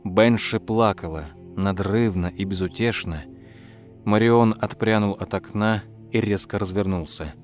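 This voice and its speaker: A man narrating a dark fantasy audiobook in a measured, expressive way. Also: lowish voice, faint music behind. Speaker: audiobook reader.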